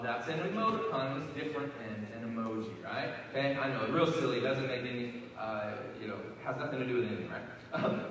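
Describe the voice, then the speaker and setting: A man's voice: a little high, sharp tone, slight background noise. A male pastor, preaching a folksy, joking sermon to his congregation in a church hall. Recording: echoey hall, mic at a distance.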